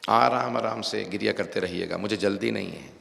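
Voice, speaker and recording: A man preaching a mourning sermon at a gathering, telling his story slowly and with feeling, dropping to near-quiet and then rising to loud outbursts. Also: fairly low pitch, creaky, husky. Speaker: Shia preacher. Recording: echoey hall with faint background noise.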